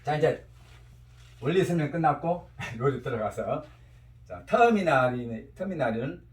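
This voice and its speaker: A man teaching a class, lecturing in an animated way and having students repeat after him. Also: medium pitch, a little slow. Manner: animated, quizzes students and has them repeat. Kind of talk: classroom lecture with call-and-response drills. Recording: roomy echo, mic at a distance.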